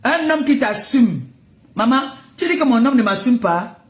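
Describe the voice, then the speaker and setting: A woman's voice: a little high, animated, normal speed, reverberant. A woman, ranting and scolding someone on social media, mocking and breaking into laughter. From Cameroon. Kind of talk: heated live rant.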